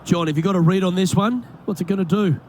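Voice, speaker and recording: A man calling golf shots as play-by-play commentator, measured and handing over to his colleagues. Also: sits high, steady tone, a little mellow, slight background noise. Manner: measured, calls each shot and hands over to colleagues. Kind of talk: sports commentary.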